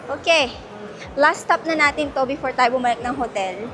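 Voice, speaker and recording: A woman's voice: high voice, normal speed, background noise. A Filipino woman vlogging casually while she walks through a mall, chatty and laughing often as she mixes Tagalog and English. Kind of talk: casual travel vlog. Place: shopping mall. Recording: loud music playing over voice. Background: background music.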